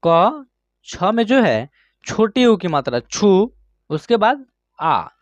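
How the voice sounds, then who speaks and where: A man's voice: high-pitched, big pitch swings, no echo, dull audio. A man teaching Hindi reading in an online class, sounding out each word syllable by syllable and drawing words out as he checks that students follow. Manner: slow, drawn-out word-by-word pronunciation with frequent check-ins.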